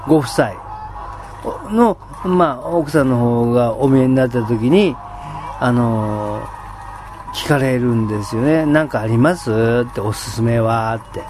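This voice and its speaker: A man's voice: medium pitch, darkish tone, a little hiss or hum. A man chatting on his own in standard Japanese, enthusiastic, with many fillers and frequent laughs. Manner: enthusiastic storytelling. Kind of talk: casual solo chat.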